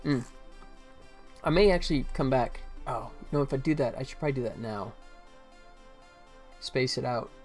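A game developer in his forties casually narrates his work on a livestream, muttering to himself in short bits. His mid-range voice is darkish, moderately paced and broken by long pauses. He sits at a computer in a small room, with faint music and keyboard typing behind him.

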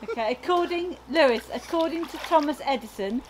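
High-voiced woman reading quiz questions. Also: expressive, fairly quick, a little hiss or hum.

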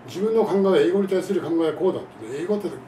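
A man's voice: sits high, expressive, racing, warm tone. A man who teaches English, telling a scornful, indignant story to camera as a lesson. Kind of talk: monologue lesson and complaint to camera. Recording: echoey room, distant mic, faint noise.

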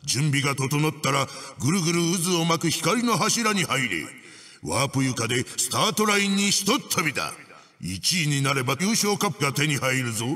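Playing a menacing wooden mask spirit from a video game, this man bosses the listener through racing instructions in grandiose, old-fashioned language. His exaggerated delivery is fairly high, sing-song, fairly quick, pushed and bright, trailed by long reverb.

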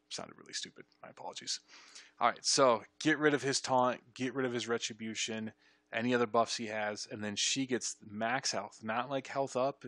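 A young man streaming, reading game ability text aloud and reacting with excited bursts in casual commentary. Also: on the low side, no echo. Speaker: streamer reviewing game ship changes.

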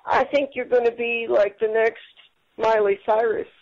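A man hosts a casual internet radio interview with a gravelly, rough-edged voice. He sounds upbeat and heaps praise on his guest. The audio is muffled and low-fidelity. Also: little pitch movement, moderate pace. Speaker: radio show host.

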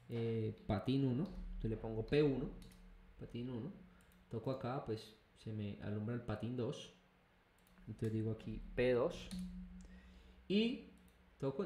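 A man's voice: medium pitch, darkish tone. A man, walking viewers through an engineering program in a casual screen-recorded lesson, with frequent restarts and checks of "¿listo?". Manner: conversational, repeats "¿listo?" and restarts often. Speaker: engineering instructor. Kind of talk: screen-recorded software tutorial.

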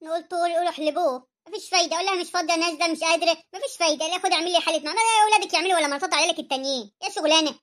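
A woman's voice: very high voice, very fast, fairly bright tone. A woman voicing a rude, impatient young daughter-in-law in an Egyptian cartoon story, snappy and dismissive, with an Egyptian accent.

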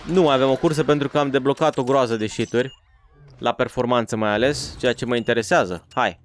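Excitable slangy man commentating a racing game. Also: mid-range voice, slight background noise. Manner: excitable, slangy, talks to himself and viewers. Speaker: gaming YouTuber. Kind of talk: let's play commentary.

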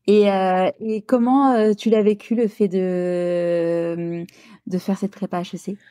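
A woman's voice: medium pitch, fairly even intonation, slow pace, mellow, dry recording, studio quality. A woman hosting a French podcast who asks her guest questions in a friendly, encouraging way. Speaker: podcast host. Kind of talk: podcast interview.

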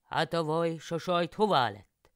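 A woman voicing a grumbling peasant husband in a folk tale, with loud, scolding exclamations. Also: deep voice, animated, no room sound, studio quality, pitched above the performer's own voice. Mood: exasperated.

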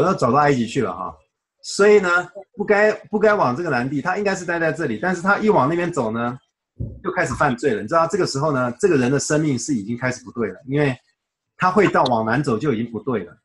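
A man's voice: mid-range voice, fairly bright tone. A man teaching a casual Bible study, chatty, explaining with everyday examples and acting out quoted dialogue.

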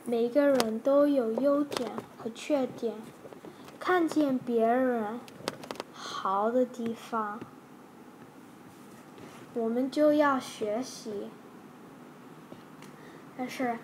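A woman teacher slowly reading a simple story aloud for learners, with careful, halting phrasing. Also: on the high side, darkish tone, slight background noise, poor audio.

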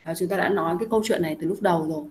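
A woman's voice: fairly low pitch, racing, darkish tone, slight background noise, rough recording. A young adult woman teaching English, explaining a lesson and coaxing students with repeated questions.

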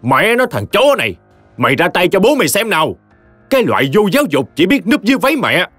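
A man's voice: high-pitched, sing-song, fast, a bit bright, dry recording, soft background music, voice pushed up, full character voice. A man doing a furious, cursing old father. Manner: roaring, cursing. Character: furious older father, hot-tempered.

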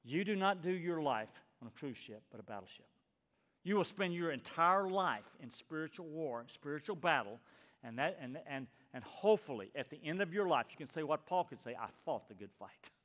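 A man in his sixties preaching a sermon as pastor, emphatic and swinging from loud urging down to hushed near-whispers. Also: on the high side, expressive, fairly quick. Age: 60s. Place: church sanctuary. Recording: long reverb of a church hall.

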